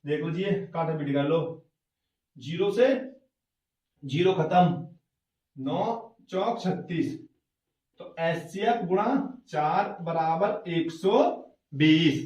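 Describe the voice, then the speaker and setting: High-voiced man teaching math in an echoey room. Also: takes it slowly, pauses often, a little mellow, distant mic. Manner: explains step by step, repeating questions and answers; calls students "beta". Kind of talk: classroom math lesson.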